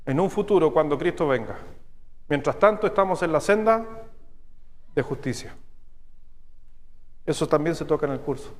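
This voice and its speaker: A man with a Chilean accent preaching a sermon as pastor, teaching step by step and checking in with his listeners through quick questions. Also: a little high, animated, big-room sound. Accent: Chilean Spanish. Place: church sanctuary.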